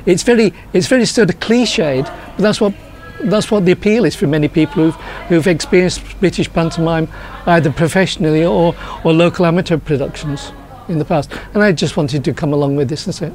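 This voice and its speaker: A man being interviewed as a theatre writer-director, explaining haltingly and repeating words as he goes. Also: a little high, darkish tone. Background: music.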